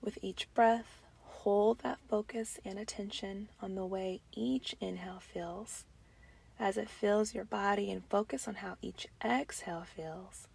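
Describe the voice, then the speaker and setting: With a steady tone and medium pitch, a woman leads a calming breath-focused meditation. Long pauses follow her soft, breathy phrases, which often taper off into something close to a whisper.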